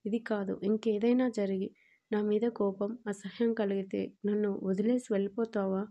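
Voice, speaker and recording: A woman's voice: medium pitch, little pitch movement, moderate pace, dark tone, highs cut off, lightly acted. A woman reading a pleading young wife. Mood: earnest. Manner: pleading and earnest. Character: emotional, loving young wife.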